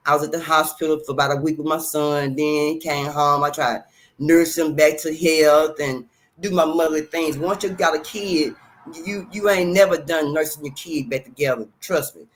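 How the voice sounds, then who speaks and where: A woman's voice: sits low, poor audio. Rambling, chatty woman hosting a livestream. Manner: rambling, repetitive, chatty, addresses viewers as "y'all". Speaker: channel host. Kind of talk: casual livestream talk.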